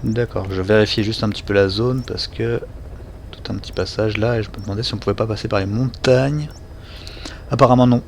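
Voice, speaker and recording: A man's voice: fairly low pitch, fairly even intonation, brisk, darkish tone, slight background noise. A man hosting a let's play, giving chatty, self-mocking gameplay commentary.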